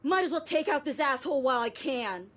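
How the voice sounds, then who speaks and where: A woman's voice: sits high, lively intonation, fairly quick, a bit bright. A woman playing a bitter, grieving mother who accuses fellow survivors in a dramatic video game. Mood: furious.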